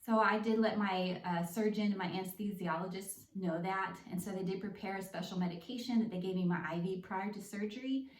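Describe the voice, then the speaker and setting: Woman, echoey room, distant mic, medium pitch, casual vlog talk, practical conversational explaining. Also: brisk, hardly any pauses. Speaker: vlogger sharing personal experience.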